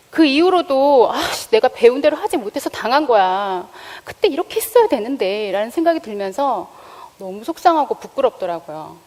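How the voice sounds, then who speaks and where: A woman's voice: on the high side, a little mellow. Woman lecturing in an echoing hall. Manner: engaging, asks the audience questions. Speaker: school health teacher. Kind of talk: public lecture. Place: lecture stage before an audience. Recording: long reverb of a lecture hall.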